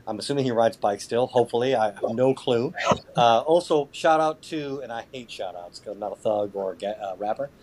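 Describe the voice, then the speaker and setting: A man's voice: medium pitch, a little fast, darkish tone. A man chatting casually as a podcast guest, sarcastic and foul-mouthed, with mock boasting. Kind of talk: casual chat.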